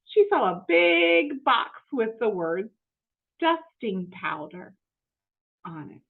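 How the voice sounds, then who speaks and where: A woman's fairly high, gravelly voice reads a storybook slowly to young children, expressive and teacherly, with explanatory asides and questions for the listeners. The audio is phone quality.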